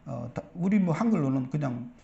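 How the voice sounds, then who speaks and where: A man's voice: on the high side, animated, normal speed, creaky, mellow, echoey room, muffled recording. A middle-aged man, a pastor preaching a sermon who acts out quoted church members.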